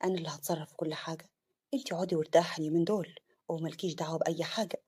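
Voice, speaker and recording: A woman's voice: deep voice, fairly even intonation, rapid-fire, mellow, slightly rough. A woman doing a heartbroken elderly father. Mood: weary, resigned. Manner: pleading, broken.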